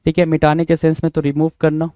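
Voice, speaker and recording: A man's voice: on the high side, completely flat delivery, fast talker, warm tone, dry recording. Indian man teaching vocabulary, spelling words aloud. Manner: repetitive, spells words letter by letter, quizzes listeners. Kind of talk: exam-prep vocabulary lesson.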